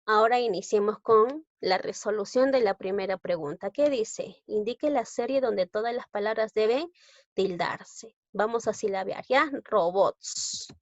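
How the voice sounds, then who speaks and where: A woman's voice: mid-range voice, moderate pace, no room sound. A woman teacher with a Peruvian Spanish accent, patiently explaining a grammar lesson step by step and often checking in with short tag questions. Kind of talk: recorded online grammar lesson. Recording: dull lo-fi recording.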